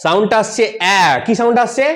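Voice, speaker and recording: A man's voice: sits high, quick pace, crowd noise, background noise. A man teaching English grammar in style, asking questions and answering them himself, often checking "yes or no". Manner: repeats key points, checks with "Am I clear? Yes or no?". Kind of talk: classroom-style grammar lesson.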